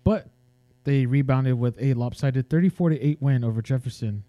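Californian male co-host, halting casual delivery, mellow tone, dry close mic. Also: mid-range voice, dry recording. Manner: hesitant, many fillers and restarts. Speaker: sports podcast co-host. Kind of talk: casual sports chat.

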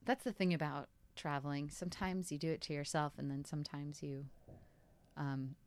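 Another casual podcast conversation features a woman co-host who rambles, laughs a lot and leans on fillers. She has a low, steady voice and speaks at a normal speed.

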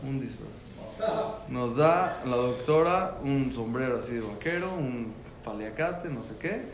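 A man's voice: mid-range voice, expressive, measured pace, roomy sound, slight background noise. A man telling a personal story about his son, earnest and full of repeated words and restarts.

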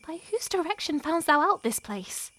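A woman performing a lovestruck, wary young noblewoman in a Shakespearean scene, her delivery moving between hushed and impassioned. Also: very high voice, sing-song, moderate pace, exaggerated voice. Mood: longing. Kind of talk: Shakespearean stage acting.

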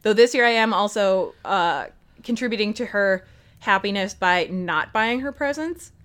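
A woman with a medium-pitched voice co-hosts a podcast. Her talk is casual and very informal, full of colloquial turns of phrase, like a relaxed chat between friends. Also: normal speed, clear, resonant tone. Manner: informal, peppered with "like" and "you know". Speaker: podcast co-host.

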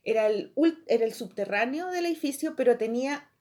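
A young woman with a Chilean accent, hosting a podcast and telling an animated story full of voices and laughter. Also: a little high, fairly quick. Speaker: podcast host. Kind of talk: casual chat.

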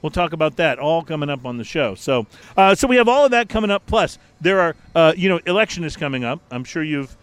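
A man's voice: fairly high pitch, big pitch swings, fast talker, smooth, no echo. An American man hosting an unscripted talk show in a chatty, upbeat way. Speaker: podcast host. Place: outdoor restaurant terrace.

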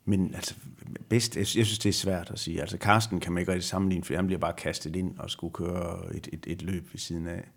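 A middle-aged man, a former rally driver, answering interview questions slowly and reflectively, often pausing to find his words. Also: deep voice, fairly even intonation, gravelly, husky. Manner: slow, reflective, halting. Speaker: retired rally driver as guest. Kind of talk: conversational interview.

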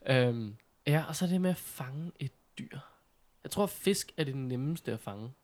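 A man speaks in a middle register, chatting casually as a co-host. He tells things in an animated, informal way, with mild slang thrown in. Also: medium pitch. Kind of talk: casual chat.

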